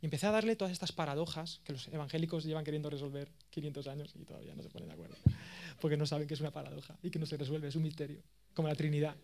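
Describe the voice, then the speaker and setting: A man in his thirties with an accent from Spain, giving a course lecture as a lively, self-mocking storyteller. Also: a little high, racing, a little hiss or hum. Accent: Spain Spanish. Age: 30s. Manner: animated, self-mocking, jokey.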